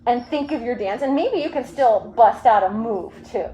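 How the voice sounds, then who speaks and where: A woman's voice: fairly high pitch, lively intonation, moderate pace, dark tone, rough recording. A woman hosting a casual live video chat through a mask and face shield, rambling along with jokey asides. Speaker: livestream host.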